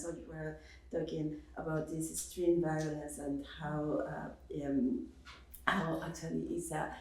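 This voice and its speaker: A woman from Cuba, serving as a professor on a panel, talks in a low register with a darkish tone. Her unscripted remarks stumble along with plenty of fillers and false starts, recorded from afar in an echoing seminar room.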